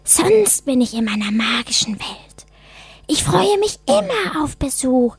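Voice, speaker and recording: A woman voicing a friendly female witch in a radio play, whispering in a breathy voice. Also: sits high, sing-song, measured pace, no room sound, exaggerated voice. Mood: mysterious. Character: whispering female witch who welcomes visitors.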